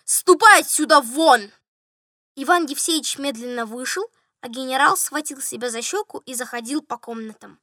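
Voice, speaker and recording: A woman narrating a story in a lively, expressive reading. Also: high voice, brisk, no echo, studio quality.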